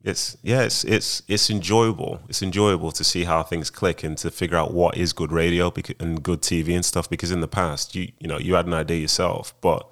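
A man's voice: low-pitched, fairly even intonation, fairly quick, few pauses, fairly bright tone. A young man, a retired footballer now in broadcasting, answering interview questions in a laid-back, rambling way.

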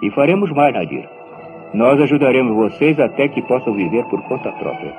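An actor performs a protective, moralizing Brazilian brother in a radio soap opera. His medium-pitched voice is emphatic and persuasive. Music plays clearly beneath him. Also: sing-song, normal speed, a little mellow, natural voice, rough recording. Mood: calculating, persuasive. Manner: emphatic, admonishing, theatrical.

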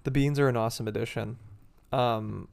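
Gravelly man joking around. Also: mid-range voice, steady tone, moderate pace, darkish tone. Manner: joking, playful banter. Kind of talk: casual chat.

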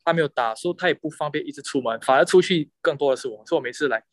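A Singaporean man in a casual podcast chat as a guest, speaking Singlish with Mandarin and English mixed mid-sentence, often hesitant and halting. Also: fairly high pitch, no room sound, clean studio sound. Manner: Singlish, code-switching between English and Mandarin with local particles.

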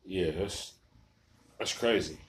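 Lower-voiced man in casual chat. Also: takes it slowly, slight background noise. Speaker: podcast co-host. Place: home garage.

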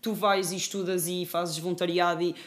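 A woman's voice: on the low side, flat delivery, fairly quick. A young woman speaking as a podcast guest in casual conversation, open and reflective, with lots of fillers.

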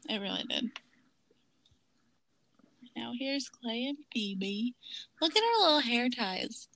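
A woman's voice: fairly high pitch, expressive, slow pace, vocal fry, a bit bright. A woman in her thirties co-hosting a casual rewatch podcast, chatty and laughing, acting out quotes. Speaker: podcast co-host.

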